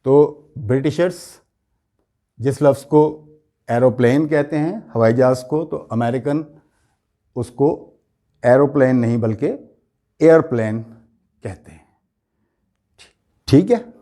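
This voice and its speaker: A man's voice: mid-range voice, takes it slowly, pauses often, warm tone. A man giving a spoken English pronunciation lesson, explaining patiently and repeating each word to drill it. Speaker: English teacher.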